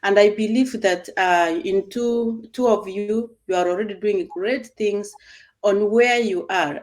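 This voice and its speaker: A woman's voice: mid-range voice, darkish tone. A woman hosting an online video chat with friends, speaking earnestly and welcoming her guests. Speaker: host.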